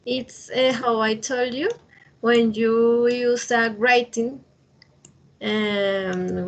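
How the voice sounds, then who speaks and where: Slow, halting woman teaching English. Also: on the high side, a bit bright, poor audio. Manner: halting, many fillers and restarts. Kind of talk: online class lecture. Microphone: video call.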